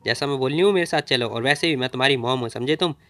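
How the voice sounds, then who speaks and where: A man's voice: medium pitch, very fast, bright, forceful tone, no echo, pitched below the performer's own voice, lightly acted. A man voicing a scheming wealthy businesswoman mother who scolds and gives orders in a storybook recap. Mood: bossy. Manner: bossy, scolding.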